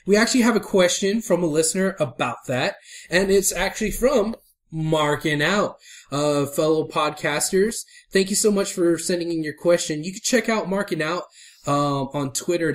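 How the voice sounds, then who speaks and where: A man co-hosting a casual podcast, talking fast and laughing a lot as he teases his partner. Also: a little high. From Houston area. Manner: animated, laughs a lot, teasing. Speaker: podcast co-host.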